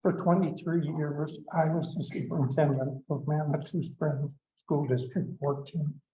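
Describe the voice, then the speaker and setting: Slow, blunt man in his seventies. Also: fairly high pitch, fairly even intonation, warm tone, roomy sound, a little hiss or hum, poor audio. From Colorado, United States. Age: 70s. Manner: plainspoken and blunt, with frequent "uh" fillers. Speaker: public commenter, retired superintendent. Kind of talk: public comment at a school board meeting. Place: school board meeting room.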